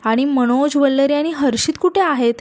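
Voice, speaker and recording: A woman reading the lines of a sharp-tongued young woman, questioning and sarcastic. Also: high-pitched, moderate pace, no room sound, natural voice.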